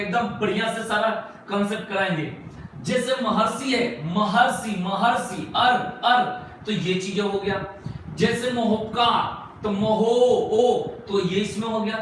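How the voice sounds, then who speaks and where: A man with a very high voice gives a classroom grammar lecture. He keeps firing questions at the class and answering them himself, and he draws out single sounds as he spells words. He is far from the mic in a very echoey room with faint noise behind him. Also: fairly bright tone. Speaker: Hindi grammar teacher.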